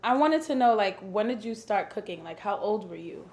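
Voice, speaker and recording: A woman hosting her own show, chatting in a lively way and laughing readily. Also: mid-range voice, a little fast. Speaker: show host. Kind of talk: casual interview chat.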